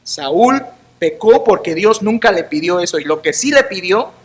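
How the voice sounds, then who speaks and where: A man's voice: high-pitched, expressive, moderate pace. A man preaching a sermon as pastor, emphatic and sarcastic, acting out the quotes, with a Mexican Spanish accent. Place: church.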